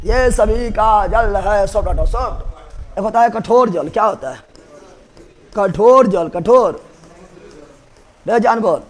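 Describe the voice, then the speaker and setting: A man's voice: high voice, slow pace, pauses often. A man teaching a chemistry class, repeating key words and asking students to answer back, with joking asides. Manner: repetitive call-and-response teaching, joking asides. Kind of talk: classroom lecture.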